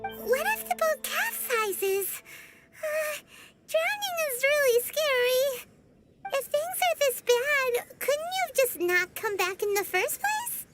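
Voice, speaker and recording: Extremely high squeaky fairy, childlike, excitable, drawn-out delivery, game character. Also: female voice, full character voice. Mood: fretful. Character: tiny, childlike, excitable floating fairy companion. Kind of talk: video game voice acting. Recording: music behind.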